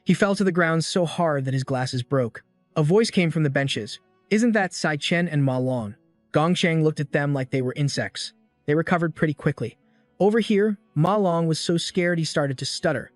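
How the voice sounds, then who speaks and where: A man narrating a scripted story recap in a steady storytelling read. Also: on the high side, moderate pace, no room sound, faint music behind.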